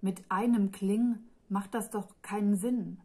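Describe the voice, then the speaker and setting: A woman voicing a moody, proud young girl who grumbles and talks down to others, in a slow, breathy reading. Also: mid-range voice, steady tone, darkish tone. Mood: sulky. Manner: grumbling, condescending.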